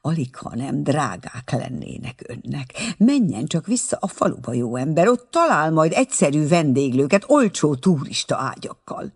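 A man's voice: on the high side, very animated, gravelly, hardly any pauses, husky, full character voice. A man voicing a curt, snobbish hotel porter with a dismissive manner. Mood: condescending. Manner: dismissive, then hissing.

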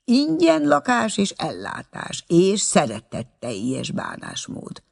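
A man's voice: high voice, wildly swooping pitch, creaky, voice pushed up, exaggerated voice. A man reading an audiobook and voicing an earnest, bashful young male doctor who tells his story eagerly.

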